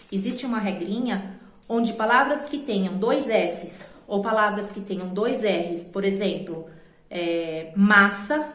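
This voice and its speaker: A woman with a Brazilian Portuguese accent teaching a children's grammar lesson, patiently slowing down to spell out letters and syllables. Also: mid-range voice, fairly bright tone. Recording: echoey room.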